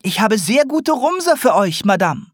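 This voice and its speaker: A man reading an audiobook, voicing a jittery young female owl trader in a shrill, excitable voice. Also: moderate pace, no echo, studio quality. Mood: astonished. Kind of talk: audiobook character voice.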